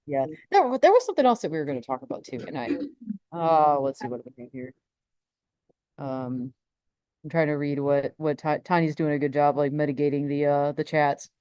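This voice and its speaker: A woman's voice: low-pitched, expressive, normal speed, warm tone, clean tone, no room sound. A woman hosting a casual live stream about space weather, rambling with many restarts and laughs.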